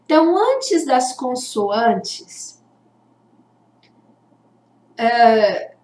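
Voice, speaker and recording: A woman teacher giving a children's literacy lesson, drawing out syllables slowly and deliberately. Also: a little high, very animated, darkish tone. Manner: slow, deliberate, stretches out syllables for young learners. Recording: echoey room.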